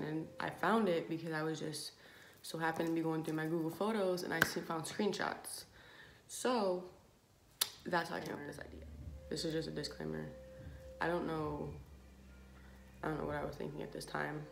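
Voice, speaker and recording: A woman's voice: sits low, creaky, noisy background. Rambling young woman telling a story. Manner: rambling, heavy with "like" fillers. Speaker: vlogger. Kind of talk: casual story-time vlog. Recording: echoey room with background music.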